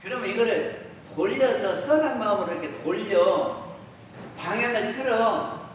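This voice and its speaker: A man with a high-pitched voice at a moderate pace, a Won Buddhist minister, talks to his congregation in a temple dharma hall, asking them questions and acting out everyday remarks. His voice comes from far off in a very echoey space with faint hiss.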